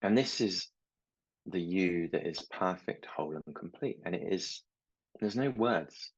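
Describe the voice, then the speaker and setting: A middle-aged man and mindset coach talking slowly and reflectively, telling small stories about his children. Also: low-pitched, expressive, slightly rough, muffled recording. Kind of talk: reflective talk to camera.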